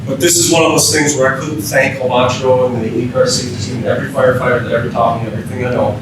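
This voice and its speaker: Very fast and flat in delivery, an American man who works as an emergency physician addresses firefighters in an informal keynote lecture, quizzing them often. He's from Minnesota, and the audio has strong room echo, a distant mic, and a low rumble.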